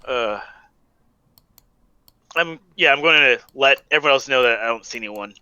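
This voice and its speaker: Bright-voiced man playing a tabletop game. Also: medium pitch, moderate pace, smooth. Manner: casual, hesitant. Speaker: player. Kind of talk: casual chat in a tabletop game. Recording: dull dry lo-fi mic.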